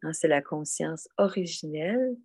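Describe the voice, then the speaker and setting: A woman giving a reflective spiritual talk, often repeating and rephrasing her phrases and dropping into a soft, quiet delivery. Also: sits low, expressive, moderate pace, slightly rough, no room sound. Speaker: spiritual speaker.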